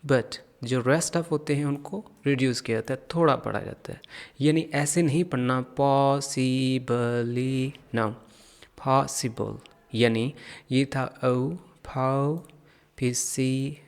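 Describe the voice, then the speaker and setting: Slow, gravelly male pronunciation teacher. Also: medium pitch. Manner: repeats English phrases slowly and deliberately for practice. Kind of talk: pronunciation lesson, reading aloud.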